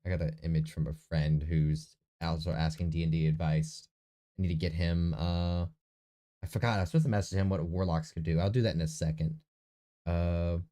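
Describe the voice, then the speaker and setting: A young man with a nasal voice that sits low and has a dark tone chats casually in his bedroom as he preps a tabletop game session. In this screen-recorded prep vlog he rambles, thinks aloud, talks to himself and corrects himself, and the room has a faint echo.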